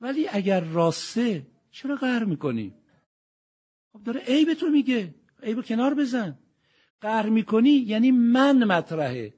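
A man giving a religious sermon, reciting verses slowly and moving between quiet reflection and loud exhortation. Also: extremely high pitch, breathy edge. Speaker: preacher.

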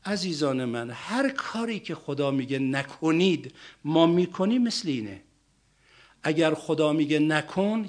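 A man preaching a sermon, stressing points with loud rises, then dropping soft and slowing down on key ideas. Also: sits high. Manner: emphatic, swings between loud rising stresses and soft drops.

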